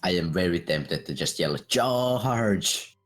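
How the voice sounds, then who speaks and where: A man playing a tabletop game, chatting casually in a laid-back, deadpan way. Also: rumbling low, quick pace, vocal fry, soft background music. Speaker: player.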